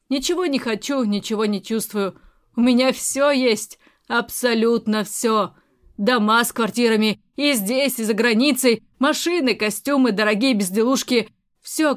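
A woman reading the part of a weary, bitter rich man who talks slowly and heavily. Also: fairly high pitch, lightly acted.

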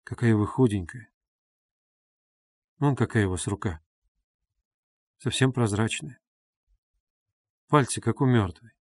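A man reading the part of a brooding young man who speaks curtly and low in an audiobook. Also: fairly quick, darkish tone, no room sound, studio quality, close to an everyday voice. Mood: quiet.

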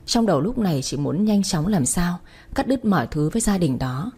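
A woman narrates an audio story in the first person, reading it in a tense, emotional way. Her voice sits rather low and sounds dark and husky. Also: expressive, moderate pace.

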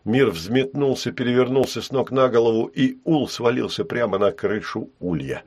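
A man narrating an audiobook in an even, measured reading. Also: medium pitch, husky.

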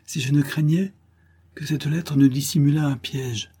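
A man playing a kindly, grave old gentleman who speaks in a measured, cautioning way. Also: a little high, steady tone, breathy edge, pitched above the performer's own voice. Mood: earnest.

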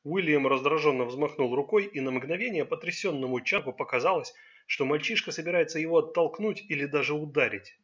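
Bright-voiced male audiobook narrator. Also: on the high side, brisk, highs cut off. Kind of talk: scripted narration.

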